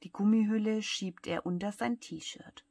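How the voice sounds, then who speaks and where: A woman with a German accent reading a bedtime story to young children in a soft voice that often drops to a whisper. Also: mid-range voice, fairly even intonation, unhurried, creaky, dry recording. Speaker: childcare worker reading aloud.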